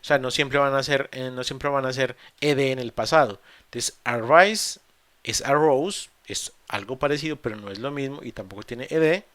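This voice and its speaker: A male teacher explains grammar rules to students in a virtual class, working through each case patiently and stopping often to rephrase. His voice sits at an ordinary middle pitch and is recorded dry and close on a computer mic, with almost no room sound. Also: normal speed, fairly bright tone, no room sound. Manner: patient, explains step by step with many fillers and restarts. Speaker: English teacher. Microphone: computer mic in a video call.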